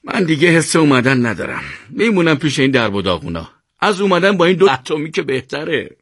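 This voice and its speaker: A man's voice: fairly high pitch, very animated, a bit bright, no room sound, clean studio sound, voice pushed up, exaggerated voice. A man doing a weary, grumbling young soldier. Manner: sighing, sarcastic.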